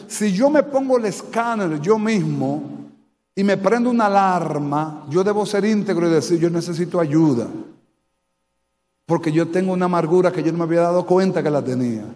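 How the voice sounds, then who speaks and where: Speaking in a high-pitched, somewhat dark voice, a man from the Dominican Republic with a Dominican Spanish accent delivers a sermon as pastor to his live congregation, putting questions to them. The church sanctuary setting gives the recording a hall reverb.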